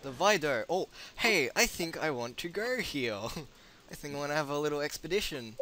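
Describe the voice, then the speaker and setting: A man's voice: on the high side, lively intonation, moderate pace. A young man chatting and joking as he plays a video game, teasing his friends and laughing often. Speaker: gamer recording a let's play. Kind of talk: casual gaming chatter. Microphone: desk mic with friends talking nearby. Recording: noisy room with chatter behind. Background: friends laughing and shouting.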